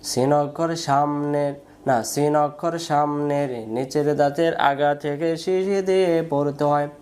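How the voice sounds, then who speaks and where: Guy teaching quran reading, real slow, says every syllable again and again, patient drill. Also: fairly high pitch, fairly even intonation, a little mellow. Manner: patient, repeats each syllable many times. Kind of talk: slow spelling drill lesson.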